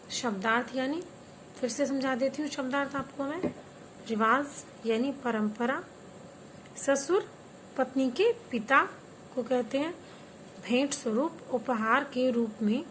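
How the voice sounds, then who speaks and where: A woman's voice: high-pitched, moderate pace, a little hiss or hum, low-quality recording. Patient woman teaching a Hindi class. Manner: patient, repeats words for children to say along. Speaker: primary school teacher. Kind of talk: online Hindi class for children.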